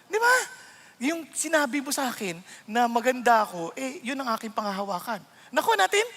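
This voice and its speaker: Middle-aged male pastor, high voice, animated and joking, sermon in a reverberant church hall. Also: fairly quick. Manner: playful, animated, often laughing, keeps asking the congregation questions. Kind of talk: conversational sermon.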